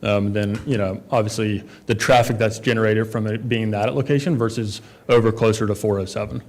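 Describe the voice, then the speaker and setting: A man's voice: lowish voice, steady tone, brisk. A man presenting as a developer at a town council meeting, talking casually with many fillers and restarts.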